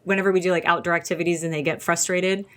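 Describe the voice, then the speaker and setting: A woman therapist, a guest on a podcast, speaking calmly and reflectively in a casual interview. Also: lowish voice, very fast.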